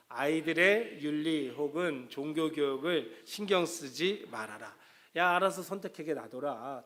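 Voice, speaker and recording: A man's voice: medium pitch, a bit bright. A middle-aged man preaching a sermon as pastor, talking conversationally and acting out the words of parents and children.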